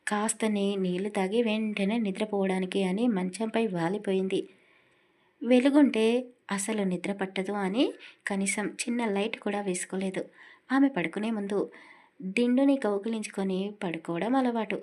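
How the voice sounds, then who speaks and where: A woman's voice: mid-range voice, darkish tone. A woman narrating a romance audio story, lifting her voice a little for the characters' lines.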